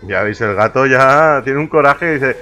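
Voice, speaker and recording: A man from chatting casually on a live stream, talking playfully to his cat and reacting loudly to a game. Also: medium pitch, moderate pace. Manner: playful, talks to his cat in baby-ish tones; excitable exclamations. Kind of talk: casual live-stream chat while gaming.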